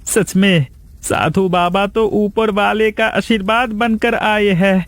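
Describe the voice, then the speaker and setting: Man playing a young cartoon husband, anxious, eager, high-pitched, pleading. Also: fairly even intonation, slow pace, fairly bright tone, no echo, full character voice. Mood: relieved. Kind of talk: cartoon voice acting.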